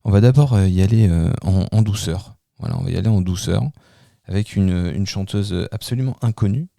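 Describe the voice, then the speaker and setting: Low gravelly man hosting radio. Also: normal speed, mellow, dry recording, studio quality. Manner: hesitant, with many fillers and restarts. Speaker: radio host presenting music. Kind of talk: casual radio music commentary. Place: radio studio.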